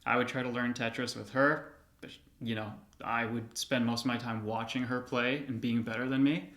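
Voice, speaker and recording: A man in his thirties, a vlogger casually telling personal stories to the camera in a relaxed, reminiscing way with light filler words. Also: mid-range voice, moderate pace. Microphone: camera held by another person. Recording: roomy echoey room sound.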